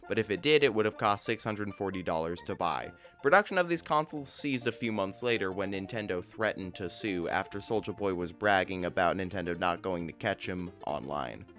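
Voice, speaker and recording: A man's voice: fairly low pitch, a bit bright. A man hosting a podcast, reading scripted explainer narration about video game trivia in a dry, matter-of-fact way. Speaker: podcast host.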